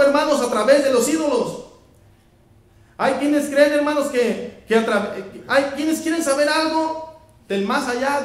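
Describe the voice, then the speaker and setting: High-voiced preacher in an echoey church. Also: male voice. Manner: conversational, addresses congregation as brothers. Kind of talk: sermon.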